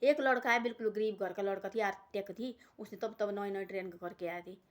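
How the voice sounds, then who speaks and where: A woman's voice: medium pitch, fairly even intonation, fairly quick. A woman telling a folk tale in a casual, rambling way, repeating herself and tossing in "bhai" between phrases. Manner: rambling, repetitive, peppered with "bhai". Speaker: storyteller. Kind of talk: casual oral folk storytelling.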